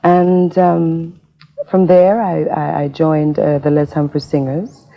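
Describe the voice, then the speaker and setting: A woman from Jamaica, a singer, telling her story in a chatty, self-mocking way with fillers. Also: low voice. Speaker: singer, interview guest. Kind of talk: casual interview storytelling. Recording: dull lo-fi 1980s TV tape.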